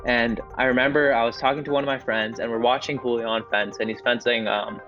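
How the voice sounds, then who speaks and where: A young man co-hosting a podcast, telling a story in a casual, excitable way with lots of "like" and restarts. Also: medium pitch, brisk, lo-fi sound, faint music behind. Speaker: podcast co-host.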